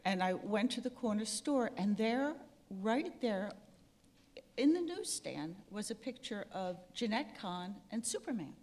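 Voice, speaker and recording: A woman's voice: mid-range voice, sing-song, a little slow, darkish tone. An older woman telling stories on a panel in a wry, self-deprecating way, with many fillers and restarts. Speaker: panel speaker. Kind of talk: storytelling on a panel. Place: event hall. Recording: echoey hall with long reverb.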